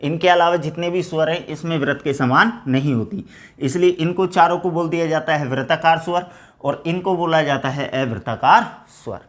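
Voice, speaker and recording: A male teacher giving an exam-prep grammar lesson, asking rhetorical questions and answering them himself in a lower voice, often calling his students friends. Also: normal speed. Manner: drops to a lower, quieter voice on each answer.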